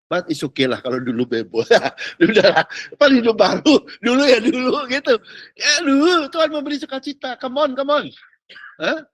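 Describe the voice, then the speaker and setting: A male pastor preaches in a loose, slangy way, firing off rhetorical questions and dropping in English phrases. His voice sits high for a man. The sound is dry and close, with no room echo. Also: lively intonation, moderate pace, fairly bright tone. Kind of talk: sermon.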